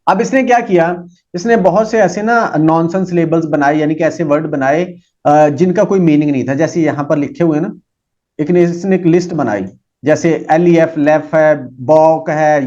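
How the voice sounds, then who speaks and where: A man teaching a psychology lesson. He reads English lines slowly and explains them with many fillers. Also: high voice, mellow. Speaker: psychology lecturer. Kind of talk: lecture reading English text and explaining in Urdu-Hindi. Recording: dull lo-fi recording.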